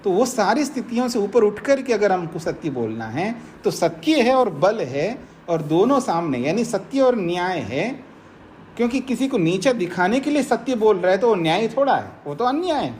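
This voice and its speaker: A man's voice: high-pitched, sing-song, normal speed, a little mellow, slight background noise. A man, a swami, giving a spiritual discourse, explaining points by repeating them and using everyday examples. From India. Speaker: swami teaching scripture.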